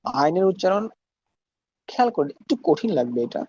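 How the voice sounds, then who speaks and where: A man teaching letter pronunciation in a patient, drilling way, sounding out each letter again and again. His voice sits a little high for a man, and the recording is somewhat dull and lo-fi with a faint hiss behind it. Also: sing-song, darkish tone. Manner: slow, repeats each sound many times to demonstrate. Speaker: Arabic teacher. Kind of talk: pronunciation lesson.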